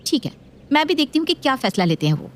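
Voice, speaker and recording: Brief: woman doing a defiant young daughter-in-law in a storybook, high, lively, argumentative. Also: quick pace. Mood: indignant. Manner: indignant, argumentative.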